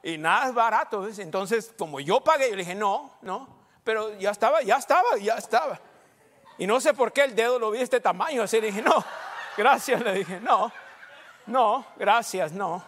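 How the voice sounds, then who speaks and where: A pastor with a high voice preaches from the pulpit, telling a humorous story from his own life. He swings between quiet asides and loud, animated bursts. The sound hangs in a reverberant church hall. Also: normal speed. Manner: joking testimony, loud and animated at times. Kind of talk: sermon.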